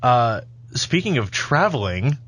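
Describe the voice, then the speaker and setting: A male podcast host chats casually in a studio, rambling and making jokes at his own expense. His voice is medium-pitched and a bit bright, very animated, at a measured pace.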